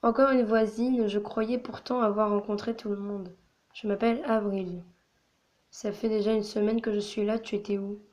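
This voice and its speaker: A woman reading aloud the lines of a friendly male dog villager from a video game, in her own slightly hoarse voice. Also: mid-range voice, level tone, normal speed, darkish tone, natural voice. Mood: cheerful.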